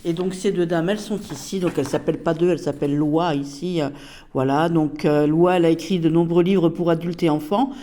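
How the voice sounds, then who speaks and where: Lady showing off a tarot deck, lots of euhs, soft mellow voice. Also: deep voice, fairly even intonation, brisk. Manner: chatty, hesitant, many fillers. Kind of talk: casual product review.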